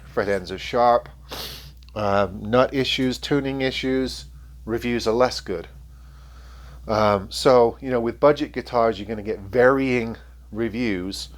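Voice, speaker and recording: Male guitar reviewer, lowish voice, loose and candid, sniffly, plenty of ums. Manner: rambling, frank, many ums and uhs. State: sniffly from allergies. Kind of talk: casual talk to camera.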